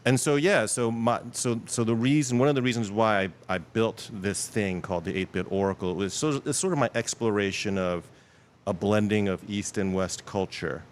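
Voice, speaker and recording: Speaking at a normal speed in a lowish voice, a middle-aged man raised in Queens, New York, wanders through lively stories as a guest in a relaxed interview. He works as an app developer and tends to ramble and correct himself mid-thought.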